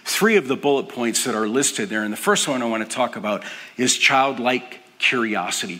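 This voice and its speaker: An older man preaching a sermon, earnest and dropping to a soft hush for emphasis. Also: medium pitch. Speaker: pastor. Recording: long hall reverb.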